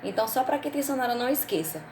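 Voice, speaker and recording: Woman teacher, slow loud stressed words, echoey room, faint ambience. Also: fairly high pitch, expressive, a little hiss or hum. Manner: speaks of herself in third person, stresses each word slowly and loudly. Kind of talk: remote lesson for young children.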